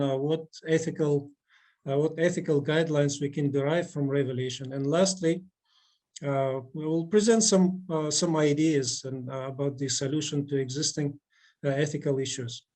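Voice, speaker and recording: A man's voice: on the high side, fairly even intonation, a little mellow. Hesitant Russian-born man on a video call. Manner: halting, many fillers and restarts. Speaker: conference speaker. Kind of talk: online conference presentation.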